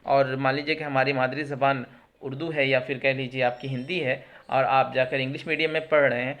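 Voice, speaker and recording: A man's voice: medium pitch, level tone, highs cut off. A male teacher explains test questions, asking and answering his own questions and glossing terms in English. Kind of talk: exam prep lesson.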